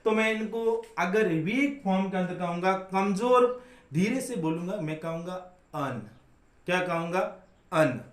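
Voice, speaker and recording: A man's voice: high voice, moderate pace, echoey room. A man from India teaching a grammar lesson, asking his own questions and answering them.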